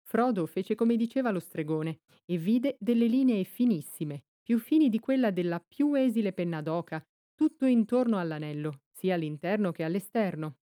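A woman narrates an audiobook in a measured, even storytelling style. Her mid-range voice is captured with studio quality and no echo.

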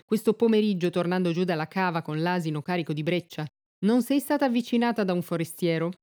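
A man's voice: high voice, fast talker, a little mellow, smooth, no room sound, studio quality, lightly acted. A woman voicing an insistent male rural policeman who raises his voice as he questions people, in a read-aloud story. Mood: stern. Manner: raises voice, demanding.

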